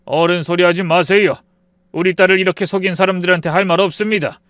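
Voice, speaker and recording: A man's voice: high voice, steady tone, fast, fairly bright tone, no room sound, studio quality, voice pushed up. A man voicing a stern, protective father who speaks sharply and formally.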